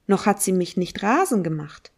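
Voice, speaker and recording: A woman's voice: medium pitch, big pitch swings, normal speed. A woman reading the words of a fervent male prophet who preaches to a crowd, declaiming them emphatically and solemnly. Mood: solemn preaching. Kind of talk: dramatic reading of a philosophical text.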